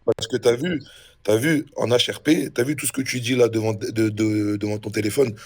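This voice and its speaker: A man's voice: fairly low pitch, fairly even intonation, normal speed, darkish tone. A young man streaming a role-play game, casually mocking and insulting another player in a taunting way. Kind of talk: casual trash talk on stream.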